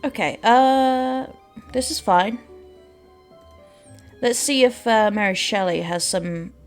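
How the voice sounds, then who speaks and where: A woman's voice: a little high, takes it slowly, faint music behind. A woman doing game playthrough commentary and reading the dialogue aloud as she plays.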